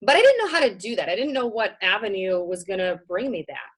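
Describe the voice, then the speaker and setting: A husky, mid-range female voice moves fast with big swings in pitch. It belongs to a young Michigan woman hosting a casual webinar from her home room, chatty and um-filled, a little out of breath, using a computer mic.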